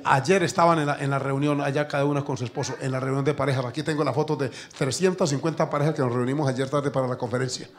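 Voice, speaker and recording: Animated Colombian pastor preaching. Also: male voice, fairly high pitch. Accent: Colombian Spanish. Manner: animated storytelling with emphatic outbursts. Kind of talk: sermon. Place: church.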